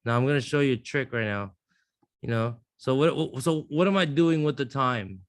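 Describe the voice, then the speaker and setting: A man's voice: mid-range voice, animated, moderate pace, dry recording, studio quality. A man teaching a live trading class, blunt and profane, often restarting his sentences. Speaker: trading instructor.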